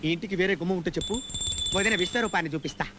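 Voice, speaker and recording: A man playing a shrill panicky comic schemer. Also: very fast, natural voice. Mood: sly. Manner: wailing, pleading, melodramatic. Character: excitable meddling young man, panicky and whiny. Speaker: comic lead in a film scene. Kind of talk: slapstick film comedy acting. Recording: noisy film soundtrack.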